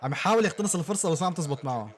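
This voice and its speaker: A young man with a notably high voice reacts live to a football match. He is excitable and breaks into loud shouts and laughter whenever a big play happens. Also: racing.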